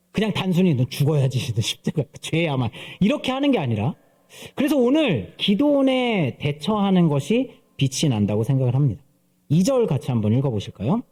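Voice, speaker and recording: A man's voice: a little high, big pitch swings, brisk, darkish tone. A man in his thirties preaching a sermon at church, telling stories and playfully mimicking voices. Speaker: pastor. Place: church sanctuary.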